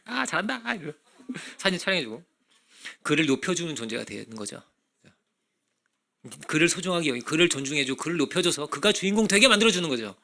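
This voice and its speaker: Gravelly bright-voiced male pastor. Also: fairly high pitch, quick pace. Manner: conversational preaching with frequent rhetorical questions; acts out children's voices in animated bursts. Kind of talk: sermon.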